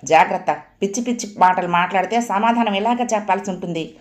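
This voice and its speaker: Woman reading as a young husband, angry, harsh, shouting, sarcastic, audiobook story, mid-pitched voice. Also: a little fast, reverberant, natural voice.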